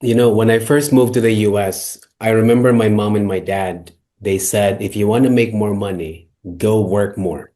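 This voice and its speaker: A man from the Philippines, a guest telling his own story in a measured way. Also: lowish voice, steady tone, dark tone.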